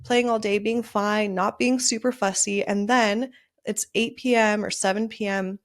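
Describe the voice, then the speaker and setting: A woman's voice: medium pitch, fairly even intonation, unhurried. Chatty upbeat woman hosting a podcast. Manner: chatty and upbeat, with frequent "like" fillers. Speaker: podcast host. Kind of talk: casual solo podcast talk.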